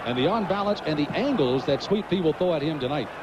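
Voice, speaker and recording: A man's voice: a little high, expressive, fast. A man doing live play-by-play boxing commentary from ringside. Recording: muffled, very noisy broadcast from ringside.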